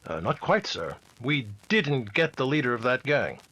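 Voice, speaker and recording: Sergeant Preston, bright-voiced dogged Mountie played by a man. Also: mid-range voice, big pitch swings, moderate pace. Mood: modest, resolute. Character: earnest, dogged, respectful male Mountie sergeant. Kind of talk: old-time radio adventure acting.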